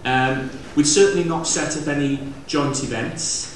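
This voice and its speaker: A man with a Welsh accent giving a semi-improvised opening speech at a conference, with a hesitant, halting delivery. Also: fairly high pitch. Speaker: conference opening speaker, local government representative. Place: large indoor conference venue. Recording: distant, very echoey hall with clear noise.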